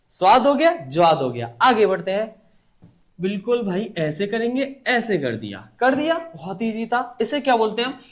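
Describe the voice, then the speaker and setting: A man teaching an online class, repeating each point and asking the class to say it back in a casual, brotherly way. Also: sits high. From India. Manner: repetitive call-and-response teaching; colloquial, addresses class as brother.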